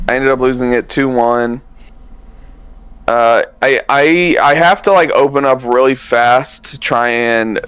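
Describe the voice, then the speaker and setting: A man's voice: mid-range voice, clean tone, no room sound, dull audio. A man co-hosting a card game podcast, recapping tournament rounds in a loose, rambling way with lots of fillers. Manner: relaxed, rambling, many fillers and self-corrections. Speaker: podcast co-host.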